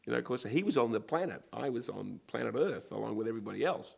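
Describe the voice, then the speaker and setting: A man's voice: medium pitch, expressive, fast, creaky, slightly rough. An older man, reminiscing casually and candidly in an interview with a wry manner.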